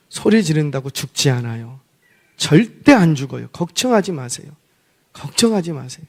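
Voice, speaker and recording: A man, senior pastor, preaching a Friday night revival sermon with rhetorical questions and bursts of shouting. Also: fairly high pitch. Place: church service.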